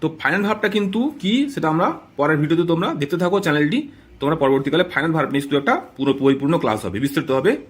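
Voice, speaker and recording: A man's voice: fairly high pitch, big pitch swings, rapid-fire. A man teaching English grammar in a video lesson, often checking in with viewers and spelling words letter by letter. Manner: repeats "ঠিক আছে" and addresses viewers as friends.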